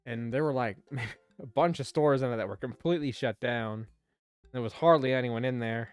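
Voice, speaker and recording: Reading the dad's lines in a dating game, this streamer rambles through chatty asides in let's play commentary. The voice is medium-pitched, clear and resonant at a moderate pace, recorded dry with faint music behind.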